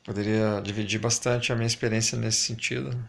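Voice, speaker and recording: Man, heavy vocal fry, hesitant casual reflection, slightly lisped speech from wearing a retainer. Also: on the low side, little pitch movement. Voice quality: slightly lisped, stumbling articulation from a dental retainer. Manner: hesitant, reflective, pausing often. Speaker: amateur video maker. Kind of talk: casual talking to camera, unscripted reflection.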